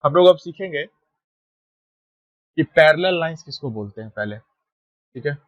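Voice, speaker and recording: A man's voice: on the high side, a little slow, dry recording, highs cut off. A man teaching a math lesson while drawing, steadily explaining and often checking that students follow. He speaks, recorded with a close mic. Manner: steady, repeats "ठीक है" to check understanding.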